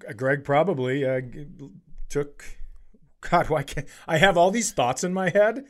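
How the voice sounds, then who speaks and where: A man in his forties co-hosts a comedy podcast, telling stories in casual banter that's teasing, self-deprecating and full of swearing. His voice is a little high and a bit bright, with lively intonation and a slightly slow pace.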